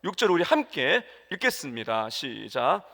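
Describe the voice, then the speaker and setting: A man preaching a sermon as pastor, emphatic, jumping between loud exclamations and quiet asides and acting out quoted prayers. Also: on the high side, sing-song, normal speed, creaky. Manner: acts out quoted prayers and dialogue. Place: church sanctuary. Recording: long hall reverb.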